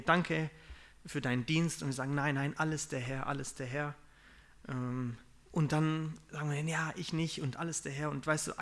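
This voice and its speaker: Man, young adult, casual sermon, bright tense voice, slightly high, conversational. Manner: conversational, confessional, acts out quoted people. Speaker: preacher.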